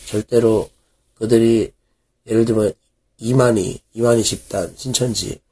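A man, a pastor, giving a Bible English reading lesson, reading verses slowly and asking and answering his own questions. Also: lowish voice, fairly even intonation, mellow, husky. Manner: asks questions and answers them himself.

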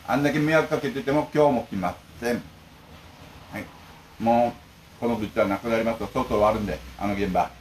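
A man's voice: mid-range voice, fairly quick, slight background noise, rough recording. A talkative middle-aged man, the manager of a bento shop, telling stories in casual chat. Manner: talkative, lively storytelling.

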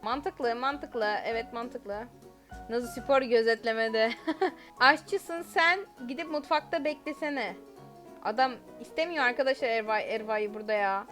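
Bright, high-pitched woman gaming streamer, excitable and full of exclamations. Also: measured pace, soft background music. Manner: excitable, lots of exclamations and giggles. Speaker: gaming YouTuber. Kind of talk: gameplay commentary.

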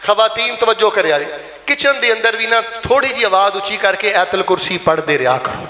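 Punjabi man, high bright preaching voice, Friday sermon, reverberant mosque hall. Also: animated, brisk. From Pakistan. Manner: impassioned, calls on the crowd to answer aloud.

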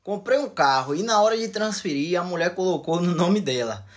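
Brief: male comedy host, very animated pitch, playful mock-guru teasing of his wife. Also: fairly quick. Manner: teasing mock-wise answers to viewer questions. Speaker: comedy couple channel host. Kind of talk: joking couple Q&A.

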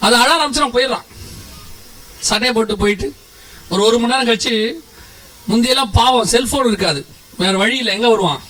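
Bright, high-voiced male preacher. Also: distant mic, poor audio. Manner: asks the audience questions and answers them himself, with humor. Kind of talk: sermon.

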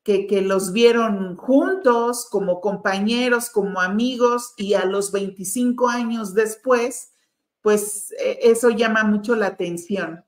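A woman interviewer, asking measured, probing questions. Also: mid-range voice, echoey room.

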